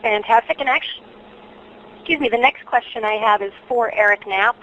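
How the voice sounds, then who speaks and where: A woman with a fairly high voice moderates a webinar and reads out questions politely. Her audio sounds muffled, with a faint hiss behind it. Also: brisk, sharp tone. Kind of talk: reading audience questions.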